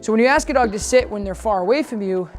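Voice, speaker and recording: A man working as a dog trainer, casually explaining his method to viewers and breaking into high, upbeat praise and commands for the dog. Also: expressive, fast talker. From United States. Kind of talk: instructional training demo. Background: background music.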